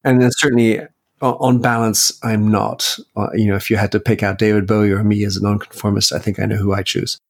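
A Belgian author in his fifties, appearing as an interview guest, reflects on his life story. His voice is lowish and flat in delivery, and he talks fast.

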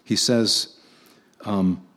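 A man's voice: fairly low pitch, steady tone, drawn-out words, fairly bright tone. A man preaching a conversational sermon, earnestly asking his listeners rhetorical questions and often restarting his sentences.

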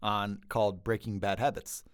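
A man hosting a podcast as a pastor, telling stories in relaxed back-and-forth chat. He laughs easily and gets animated mid-story, his voice jumping up when he tells a punchline. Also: on the low side, moderate pace.

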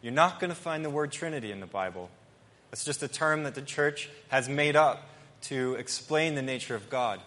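A male pastor preaching an earnest, emphatic sermon with pauses and restarts. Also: medium pitch, lively intonation, a bit bright. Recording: long hall reverb.

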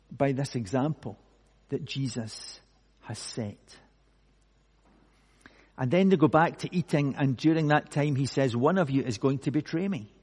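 A male pastor preaching a sermon slowly and emphatically, with dramatic pauses. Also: medium pitch, a little mellow, husky. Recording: long hall reverb.

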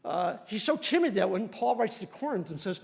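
A male pastor delivers a sermon with a strikingly high voice. He preaches in an animated, emphatic way, swinging widely in pitch and laughing often as he makes his points. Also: brisk, vocal fry.

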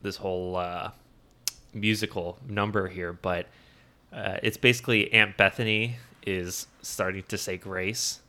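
A man's voice: low voice, fairly even intonation, a little slow, pushed and bright. A man co-hosting a casual chat, laughing often and tossing out lines in put-on voices. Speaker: podcast co-host.

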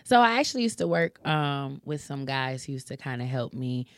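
A young adult woman stand-up comedian with a soothing voice, chatting relaxed in an interview and laughing often. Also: a bass voice, moderate pace, no echo, clean studio sound. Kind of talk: casual interview.

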